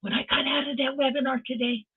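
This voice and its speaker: A woman's voice: high-pitched, steady tone, quick pace, breathy edge. An older woman hosting a stream and giving an impassioned motivational talk over a video call, urging her listeners on directly. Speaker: host. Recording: tinny phone-like video call audio.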